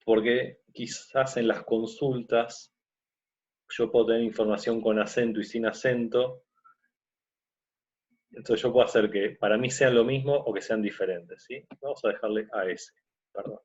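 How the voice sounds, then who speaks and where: A man teaching a screen-recorded software course, explaining step by step and often checking in with his listeners. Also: mid-range voice, steady tone, moderate pace, dull audio. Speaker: course instructor.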